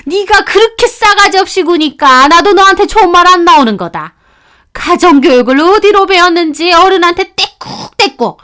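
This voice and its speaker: A woman's voice: very high voice, animated, normal speed, pushed and bright, full character voice. A woman voicing a nagging, domineering older mother-in-law who scolds her daughter-in-law. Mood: scolding. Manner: scolding, contemptuous. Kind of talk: storytelling radio acting.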